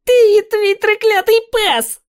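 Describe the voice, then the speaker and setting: A man voicing a spiteful tiny male creature with a shrill, screeching, mocking voice. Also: unhurried. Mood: screeching threats. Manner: jeering, mocking.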